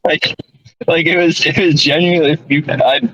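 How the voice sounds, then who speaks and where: Calling in by phone from his moving car, this male co-host has a higher, fairly bright and slightly rough voice with fairly even intonation at a normal speed, and the recording is dry. His casual podcast talk rambles and self-corrects, with frequent chuckles, through dull lo-fi call audio.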